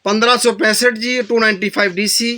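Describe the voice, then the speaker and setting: A male shopkeeper with a Pakistani accent, briskly listing handbag colors and prices for a shop video. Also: sits high, steady tone, sharp tone. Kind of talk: sales pitch for a shop video. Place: indoor bag shop.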